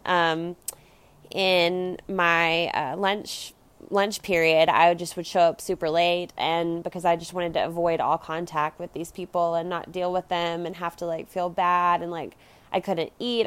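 A young American woman with a Valley Girl accent and lilting uptalk hosts a podcast, telling personal stories in a casual, confessional way. Her voice is lowish and a bit bright, with a clear, resonant tone and no echo. She keeps it conversational, peppering her speech with fillers like "like" and "you know."

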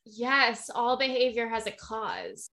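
A woman's voice: fairly high pitch, animated, slow, sharp tone. A woman co-hosting a podcast as a therapist, telling anecdotes animatedly and laughing easily. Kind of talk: casual podcast chat.

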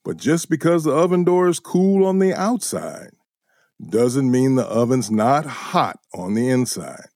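Guy doing a calm patient bear buddy, talks slow, kids show. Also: medium pitch, no room sound, studio quality. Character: gentle male bear friend, patient teacher.

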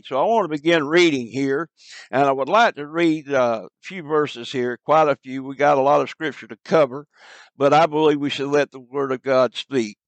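A man preaching a sermon to listeners, slow and emphatic, repeating key phrases. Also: on the high side, no echo.

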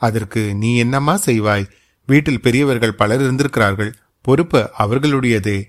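A man's voice: mid-range voice, moderate pace, lightly acted. A man voicing a proud, stern royal princess who scolds and commands. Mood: consoling.

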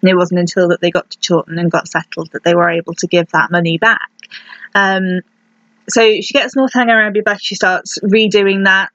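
A woman's voice: lowish voice, fairly even intonation, moderate pace, a bit bright, no room sound. A woman hosting a podcast, telling history in a casual, chatty way with wry asides. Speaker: podcast host. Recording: dull, dry lo-fi sound.

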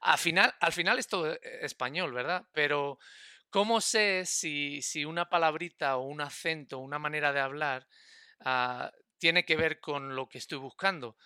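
A man's voice: fairly high pitch, normal speed, bright, forceful tone, clear, resonant tone, no room sound, clean studio sound. A man, a podcast guest, explaining a technical topic in a stop-start way, repeating words as he thinks. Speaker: guest expert.

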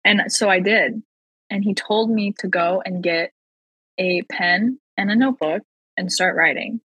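A woman with a husky, slightly breathy voice tells her personal faith testimony as a podcast guest. She speaks earnestly and slows down to lean on the words that matter. The sound is close and dry, with little room around it. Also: mid-range voice, no room sound, dull audio. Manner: earnest, slow and emphatic on key phrases.

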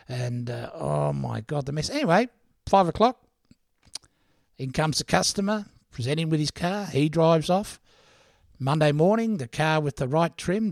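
A man's voice: fairly high pitch, creaky, darkish tone, dry recording, studio quality. An older Australian man hosting a podcast, telling anecdotes in a chatty, laughing way. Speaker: podcast host. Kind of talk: storytelling monologue.

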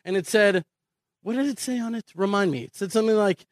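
A man from Houston, Texas, gives an impassioned conference speech advocating immigration to Israel, earnest and emphatic, repeating phrases and asking rhetorical questions. His high voice moves briskly in a studio-quality recording with no room sound.

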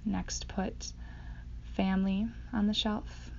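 Slow, hypnotic woman guiding meditation, creaky voice. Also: medium pitch, flat delivery. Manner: slow hypnotic, soothing delivery with long pauses. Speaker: meditation guide. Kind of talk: guided meditation. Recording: dull sound, faint background noise.

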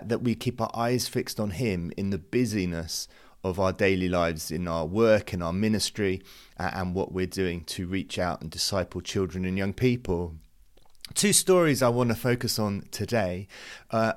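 A man from the UK hosting a devotional youth ministry podcast, talking earnestly and conversationally with frequent fillers. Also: lowish voice.

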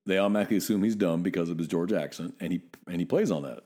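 A man's voice: deep voice, very fast, warm tone. A middle-aged man from Northern California, a police officer co-hosting a podcast, telling blunt, profane stories in casual chat.

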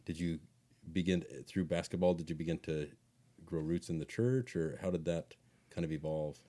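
A man's voice: low voice, normal speed, warm tone. A man interviewing a guest, listening closely and asking probing follow-up questions. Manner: attentive, affirming, asks probing follow-up questions. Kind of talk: casual interview.

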